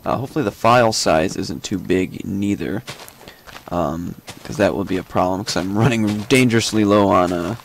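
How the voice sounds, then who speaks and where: A young man chats through his let's-play session in a low, gravelly voice. He rambles, fills pauses with ums and uhs, and drops small joking asides while he plays. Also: slight background noise. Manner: rambling, thinking aloud with many fillers. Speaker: gameplay commentator. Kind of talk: casual let's-play commentary.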